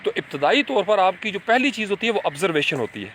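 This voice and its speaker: A man's voice: sits high, sing-song, fairly bright tone, slight background noise. A middle-aged man telling childhood stories in an earnest, reflective talk, slipping in English words and speaking straight to his listeners.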